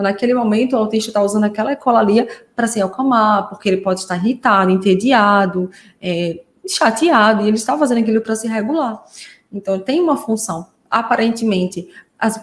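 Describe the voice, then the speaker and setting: A woman speech therapist gives a live online class to parents, explaining step by step and often checking in with a quick "né?". Her voice sits at an ordinary middle pitch. The room adds a noticeable echo. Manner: warm explanatory, frequent "né?" tags. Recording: roomy echo.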